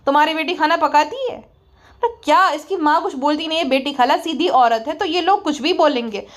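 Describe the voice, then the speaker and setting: A woman's voice: high-pitched, a little fast. A woman vlogger giving gossip commentary in a scolding, sarcastic, outspoken way.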